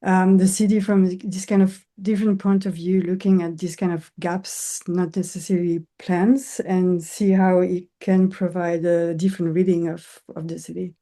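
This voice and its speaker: In this interview conversation, the Swiss architect and professor speaks English with a fairly low, warm voice. Her delivery is flat and moderately paced with few pauses, though she sounds hesitant and relies on lots of fillers.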